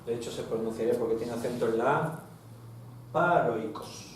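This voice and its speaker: Pastor, Spanish accent, teaching tone, dark voice, recorded from afar in an echoing church hall. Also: male voice, mid-range voice, fairly even intonation, fast talker, a little hiss or hum. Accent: Spain. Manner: teaching, asks the congregation questions. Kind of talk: Bible study sermon. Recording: very echoey hall, distant mic.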